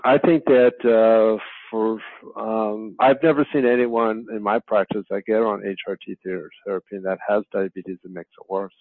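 A man's voice: fairly low pitch, fairly even intonation, moderate pace, no room sound. A man, a physician guest in an interview, talking with many fillers and restarts. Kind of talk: conversational interview. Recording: tinny phone-line remote call.

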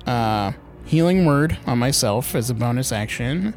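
A man's voice: medium pitch, expressive, measured pace, darkish tone, soft background music. A man chatting casually as a player at a tabletop role-playing game, calling out his moves.

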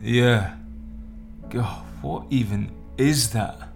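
A man's voice: medium pitch, extremely slow, creaky, darkish tone, faint music behind. A man playing a sheepish, uneasy young man, hesitant and wry, in an audio drama. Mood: groggy, sheepish. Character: sheepish, uneasy, self-doubting young man under house arrest.

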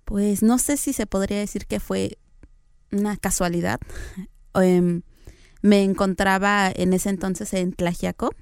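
A young woman from Oaxaca, Mexico, answering interview questions in a soft-spoken, hesitant way. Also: mid-range voice, fairly even intonation, a little slow, gravelly, smooth, no echo, studio quality. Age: young adult. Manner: soft-spoken, hesitant fillers, light laughs. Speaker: interview guest. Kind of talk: relaxed interview conversation.

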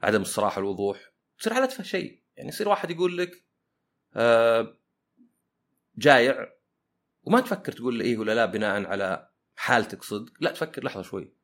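A man, hosting a casual solo talk that gives life advice and acts out short everyday exchanges. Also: on the low side. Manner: chatty, conversational, acts out everyday dialogues. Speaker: podcast host.

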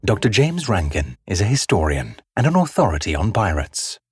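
Deep-voiced man narrating a documentary. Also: very animated, slightly rough, no echo, studio quality. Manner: dramatic, measured storytelling.

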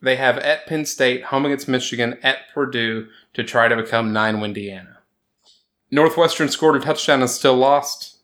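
A man hosting a casual sports chat, joking, sarcastic and quick to laugh as he runs through scores. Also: mid-range voice, a bit bright. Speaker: podcast host.

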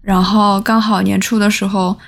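A woman's voice: medium pitch, little pitch movement, moderate pace, gravelly. A woman co-hosting a book podcast, chatting in a meandering way full of fillers. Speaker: podcast co-host. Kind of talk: casual podcast chat.

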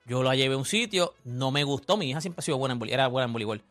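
A Puerto Rican man hosting a casual sports talk show, animated and talking over others. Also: mid-range voice, racing, faint music behind. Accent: Puerto Rican Spanish. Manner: animated, talks over others, acts out quotes. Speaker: radio sports talk host.

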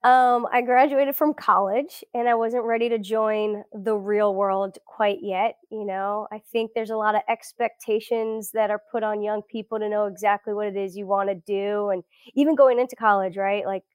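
An American woman in her thirties from South Florida, an academic, is a podcast guest at home indoors. She tells her story casually and reflectively in a medium-pitched voice at a normal speed, with fairly even intonation and a clear, resonant tone. The recording is dry.

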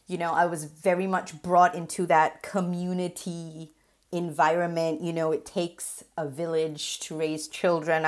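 A woman from Singapore, a guest on a podcast interview, talking in a chatty way with fillers and frequent laughs. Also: lowish voice.

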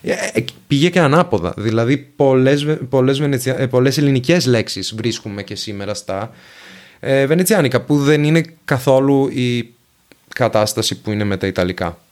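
Venetian-accented man, thoughtful and measured. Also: mid-range voice, animated, darkish tone. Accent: Venetian Italian. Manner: slow, thoughtful, pauses to find words. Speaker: linguist guest. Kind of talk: casual conversation.

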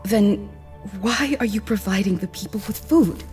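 A woman's voice: medium pitch, normal speed, darkish tone, faint music behind, close to an everyday voice. A woman playing a compassionate goddess of nature and healing in an audio drama, a loving wife with a tender, earnest manner. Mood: gently teasing.

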